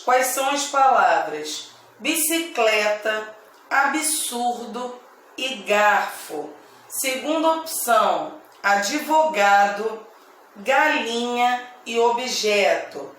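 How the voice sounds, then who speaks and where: A woman teacher with a Brazilian accent giving a grammar lesson to children, speaking slowly and deliberately and repeating each word. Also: on the high side, fairly bright tone, distant mic. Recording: echoey room, voice away from mic.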